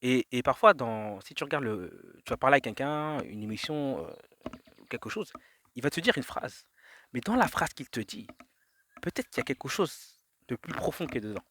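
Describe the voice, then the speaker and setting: A man muses aloud outdoors, his thoughts wandering from one idea to the next. He trips over words, restarts sentences and fills pauses with hesitant sounds. His voice sits at an ordinary middle pitch. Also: expressive, a bit bright, slight background noise. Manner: musing, drifting, many fillers and restarts. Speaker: vlogger. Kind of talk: rambling reflective monologue. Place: outdoors in nature.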